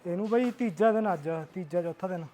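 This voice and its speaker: A soft-spoken man, a buffalo seller, answering in short replies. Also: sits high, fairly quick, slight background noise.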